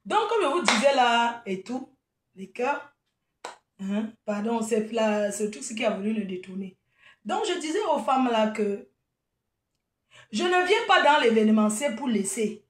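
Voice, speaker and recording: A woman's voice: on the high side, very animated, a little slow, recorded from a distance, slight background noise. A woman, an event promoter ranting in a live video, combative and mocking, breaking into laughter. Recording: echoey room, voice off-mic.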